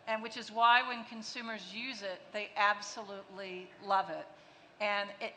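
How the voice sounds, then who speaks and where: On a conference panel in a large hall, a woman executive fields questions with a sharp, mid-range voice. She speaks fluently but keeps restarting phrases and using fillers, and the recording carries long hall reverb with faint noise.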